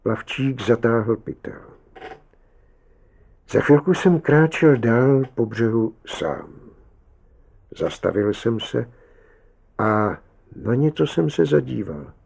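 A man reading a short story aloud as scripted narration, measured, with long pauses between phrases. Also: medium pitch, expressive, vocal fry, a little mellow, breathy edge. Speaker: audiobook reader.

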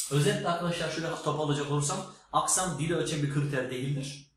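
A man's voice: fairly high pitch, brisk, fairly bright tone. Emphatic man teaching in an echoey room. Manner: emphatic, teacherly, demonstrates words aloud. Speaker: English teacher. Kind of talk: spoken lesson to camera. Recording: very echoey room with faint noise.

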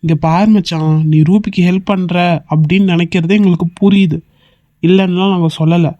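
A blunt, mocking cartoon buddy, played by a man in a raised, high voice, ribbing his friend without letup. The audio is dull and lo-fi, with a dry, close sound. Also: steady tone, a little fast, warm tone, no echo, natural voice. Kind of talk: cartoon skit voice acting.

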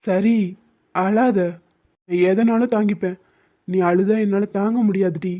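A woman's voice: medium pitch, steady tone, unhurried, close to an everyday voice. A woman playing a doting, teasing cartoon husband. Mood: coaxing. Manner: coaxing, playful scolding. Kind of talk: cartoon dubbing. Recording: tinny phone-like sound.

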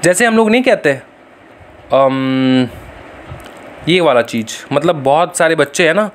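A man's voice: fairly high pitch, lively intonation, unhurried, a little hiss or hum. Chatty man teaching a class. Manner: chatty, repeats tag questions to students. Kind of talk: casual online lecture.

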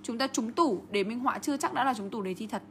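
Upbeat woman teacher, high voice, faint hiss. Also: fast talker. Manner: lively, checks in constantly with rhetorical questions. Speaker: English teacher. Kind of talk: exam answer walkthrough lesson.

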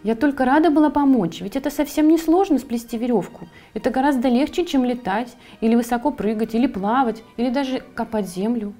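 A woman's voice: a little high, brisk, hardly any pauses, mellow, soft background music, pitched above the performer's own voice, lightly acted. A woman voicing a small, timid female forest creature who is gloomy and doubts herself, in a plaintive, worried way, reading a storybook aloud. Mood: shy.

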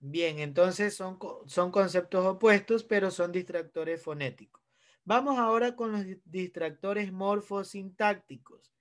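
A man's voice: high-pitched, a little slow. A male teacher with an Ecuadorian accent explains vocabulary to his students and keeps asking them questions. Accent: Ecuadorian Spanish. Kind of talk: online class lesson.

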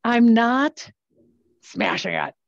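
Chatty woman running a live cooking demonstration, with a fairly high voice, talking through each step as she works the dough. The sound is muffled and dry, with no room echo. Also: wildly swooping pitch, takes it slowly. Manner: chatty, explains while working with her hands. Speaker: cooking class instructor.

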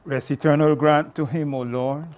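A man reciting the committal prayer at a burial in a very slow, drawn-out solemn voice. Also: a little high, fairly even intonation, a little mellow. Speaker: officiant. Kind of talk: liturgical reading at a burial service.

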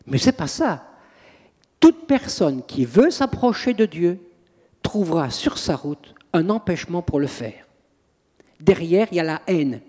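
Husky high-voiced priest telling stories. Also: male voice, very animated, a little slow, warm tone. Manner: theatrical storyteller, acts out scenes. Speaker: priest and exorcist. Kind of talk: anecdotal public talk. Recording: long reverb of a hall.

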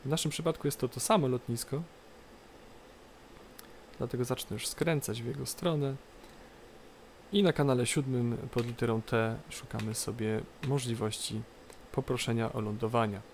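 Creaky-voiced man giving a halting tutorial. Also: medium pitch, fairly even intonation. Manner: halting, explanatory, repeats phrases. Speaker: tutorial presenter. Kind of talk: unscripted game tutorial commentary. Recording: light background noise, game cockpit ambience. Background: flight simulator cockpit ambience.

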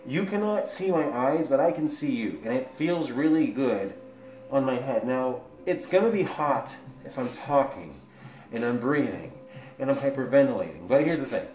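A man's voice: mid-range voice, animated, moderate pace, a little mellow, faint music behind. A man reviewing a collectible helmet in a casual, chatty way, his voice muffled from inside the helmet. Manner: enthusiastic, chatty. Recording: echoey room.

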